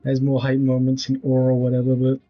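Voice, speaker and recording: A man's voice: medium pitch, completely flat delivery, fast talker, dull audio, soft background music. A man in his twenties streaming a video game, talking casually with blunt, rambling commentary and casual swearing. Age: 20s.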